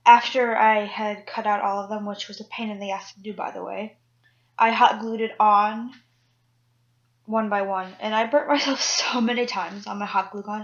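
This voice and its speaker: A woman's voice: mid-range voice, vocal fry, dull audio. A woman cosplay vlogger talking through a costume build in a chatty, rambling way, mocking herself and swearing casually. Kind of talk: casual chat and voiceover tutorial.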